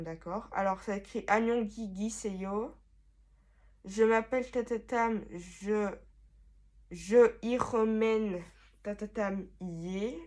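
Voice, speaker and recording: A young woman chatting casually in her bedroom, reading from her old notebooks with a rambling, self-mocking manner and sudden loud exclamations. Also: mid-range voice. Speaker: vlogger.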